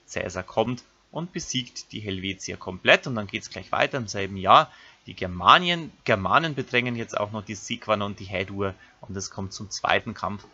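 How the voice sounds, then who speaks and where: A man's voice: on the low side, sharp tone, breathy edge, muffled recording. A man, a teacher giving a recorded grammar lesson, who explains step by step and speaks directly to his pupils. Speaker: Latin teacher.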